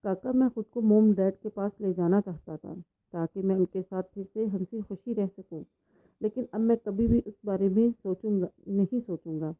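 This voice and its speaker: A woman's voice: medium pitch, natural voice. A woman voicing a grieving, lonely young man who talks in an emotional, pleading way; the sound is tinny and phone-like. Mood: distraught.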